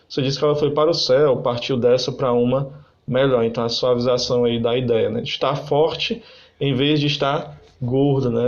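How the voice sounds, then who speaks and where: A man's voice: medium pitch, a little mellow, highs cut off. A man teaching a lesson on figures of speech, explaining step by step and often checking in with tag questions.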